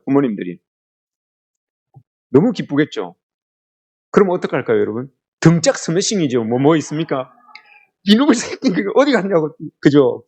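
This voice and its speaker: A man's voice: on the high side, darkish tone. A middle-aged man preaching a family worship sermon, telling stories and asking the congregation questions. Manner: storytelling, asks the congregation questions often; acts out quoted lines in a raised voice. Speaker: pastor.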